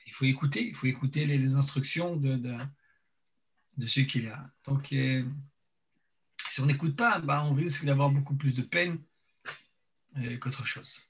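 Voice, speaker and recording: Halting male teacher, mouth numb from the dentist. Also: mid-range voice, slight background noise. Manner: hesitant, repeats and searches for words. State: mouth partly numb from dental anaesthetic. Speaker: religious teacher. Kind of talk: informal religious text lesson.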